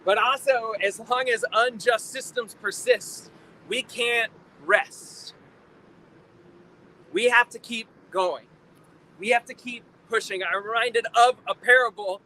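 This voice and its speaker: A man giving an impassioned protest speech like a preacher, emphatic and deliberate, repeating phrases for effect. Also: extremely high pitch, fairly even intonation, pushed and bright. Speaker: preacher, rally speaker. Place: outdoors at a rally in town. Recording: noisy outdoor urban recording, faint traffic.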